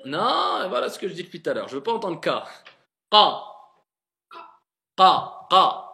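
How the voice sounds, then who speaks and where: A man teaching Arabic reading in a classroom, patiently modeling pronunciation by slowly drawing out words and encouraging students. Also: high voice, huge pitch swings, creaky, bright, forceful tone.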